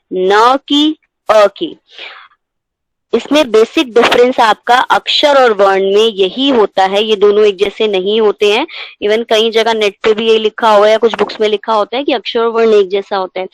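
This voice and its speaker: Higher-pitched woman teaching a class. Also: poor audio. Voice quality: mixes in English words. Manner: explains step by step, asks students questions. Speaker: Hindi teacher. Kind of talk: online class lesson.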